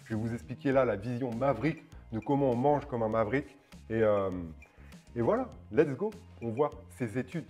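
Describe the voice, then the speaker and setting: A middle-aged man explains things casually to his viewers, his voice at an ordinary pitch. He hesitates often, restarts his sentences and keeps checking that they follow. Faint music plays behind him. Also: lively intonation, normal speed, a little mellow. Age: 40s. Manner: hesitant, many fillers and restarts, keeps asking "d'accord?". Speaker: fitness channel host. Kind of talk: casual explanatory video talk.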